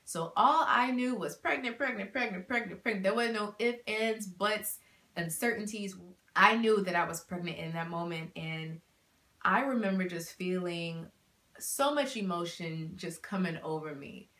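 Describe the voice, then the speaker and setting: A young woman vlogging, telling a heartfelt personal story with animated swings between hushed and excited delivery. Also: lowish voice, measured pace. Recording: echoey room.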